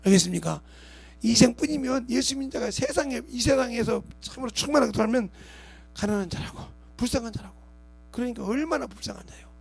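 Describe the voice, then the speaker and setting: A man's voice: very high voice, animated, fast talker, vocal fry, breathy edge, soft background music. A man preaching a sermon as pastor of his church, emphatic, acting out imagined speakers and asking the congregation rhetorical questions. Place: church sanctuary.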